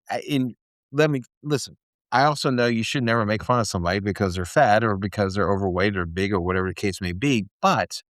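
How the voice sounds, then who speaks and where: On a dry recording, a podcast co-host with a mid-range, slightly bright voice talks casually for a long stretch. He rambles a little and jokes about himself in a chatty, self-deprecating manner.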